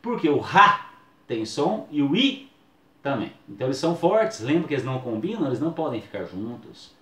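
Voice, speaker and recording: A man's voice: medium pitch, very animated, a little fast, sharp tone, reverberant. A man, teaching a video lesson and drawing out key words for emphasis.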